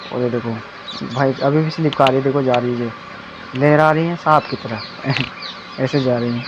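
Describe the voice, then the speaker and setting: Speaking fairly quickly in a mid-range voice, this young vlogger keeps up a loose running commentary outdoors on a muddy dirt road. He repeats himself, tossing in "ye dekho" and "bhai" often, and the phone-camera recording is dull and lo-fi, swamped by outdoor noise.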